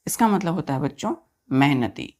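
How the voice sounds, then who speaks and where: A woman's voice: deep voice, sing-song, moderate pace, darkish tone. A woman teacher giving a vocabulary lesson, spelling words out letter by letter and asking questions of her students.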